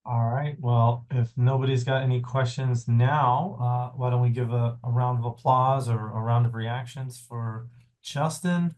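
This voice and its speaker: A man's voice: mid-range voice, measured pace. Male session host, easygoing and informal, video-call audio, mid-range voice. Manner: relaxed, joking, loose. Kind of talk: casual hosting over video call.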